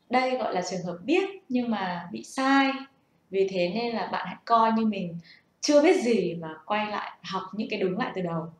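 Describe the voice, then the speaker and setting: A young woman gives a casual, patient spoken lesson and asks the listener rhetorical questions. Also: mid-range voice. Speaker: self-taught English learner sharing tips. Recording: echoey room.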